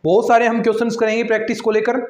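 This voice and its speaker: High-voiced maths teacher, echoey. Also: male voice, completely flat delivery, rapid-fire, darkish tone. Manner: repetitive step-by-step explaining, addressing students directly. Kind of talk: online exam-prep lecture. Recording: echoey room, dull lo-fi sound.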